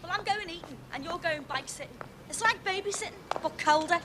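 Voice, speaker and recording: A woman's voice: extremely high pitch, brisk, heavy background noise. An actress playing a cheeky, bossy young woman, in dry, teasing TV comedy drama dialogue. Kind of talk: naturalistic TV comedy drama acting.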